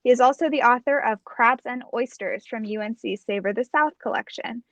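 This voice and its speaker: A woman hosting an online book event, briskly reading guest introductions over a video call. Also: a little high, fairly bright tone, no echo. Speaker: bookstore event host.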